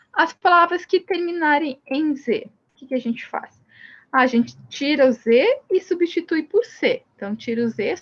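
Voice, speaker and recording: A woman's voice: sits high, highs cut off. A Brazilian woman teaching Spanish grammar step by step, often saying "então" and "ó" as she points to examples. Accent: Brazilian Portuguese. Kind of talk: recorded classroom lesson.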